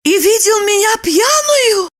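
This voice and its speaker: A woman reader voicing Lipochka, a flustered, hungover young woman who speaks in squeaky exclamations. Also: expressive, a little slow, a bit bright, no room sound, clean studio sound, exaggerated voice. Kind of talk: audiobook character voice.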